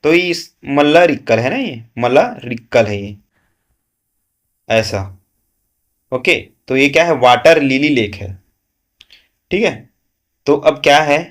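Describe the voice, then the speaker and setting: Speaking at a medium pitch, a man runs through current affairs for students preparing for exams. He asks his own questions, supplies the answers, and keeps tossing in "है ना" checks.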